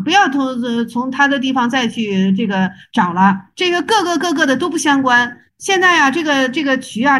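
A woman teaching Buddhist Chan texts. She reads the classical text slowly, then explains it in chatty, everyday speech. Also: high voice, fairly bright tone, a little hiss or hum.

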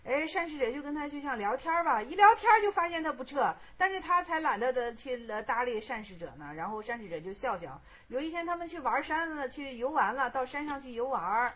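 A woman teaching as a Buddhist teacher, telling a Chan koan story in a lively way with many fillers. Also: sits high, a little fast, hardly any pauses, slightly rough.

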